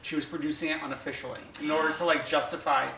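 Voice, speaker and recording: A man's voice: fairly high pitch, fairly even intonation, sharp tone, reverberant, a little hiss or hum. A man co-hosting a podcast, chatting casually and gossiping eagerly about reality TV. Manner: gossipy, chatty, quick asides. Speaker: podcast co-host. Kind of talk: casual chat.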